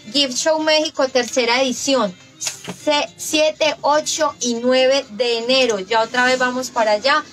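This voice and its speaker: A woman's voice: sits high, steady tone, measured pace, few pauses, fairly bright tone, soft background music, rough recording. A woman hosting a casual craft tutorial, upbeat and announcing workshops and dates. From Colombia. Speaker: craft shop host.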